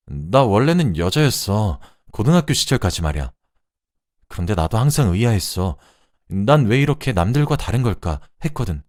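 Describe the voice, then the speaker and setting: A man's voice: on the low side, a little mellow, no echo, studio quality. A man voicing a guilt-ridden husband who pleads and stammers through tears. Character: desperate, guilt-ridden husband begging forgiveness.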